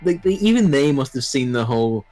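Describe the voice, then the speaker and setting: A man talking through a gaming session in a casual, rambling way, sweary and sarcastic about the news he's reacting to. His voice sits at an everyday middle pitch. Game music plays clearly behind him the whole time. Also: lively intonation, brisk, a little mellow. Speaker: co-host. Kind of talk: casual gaming chat while playing.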